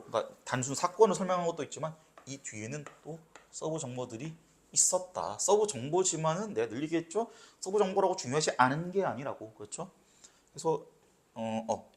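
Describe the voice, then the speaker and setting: Lively Korean lecturer, animated pitch. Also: male voice. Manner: explains step by step, often asks "right?". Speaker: literature teacher. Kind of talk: exam lecture.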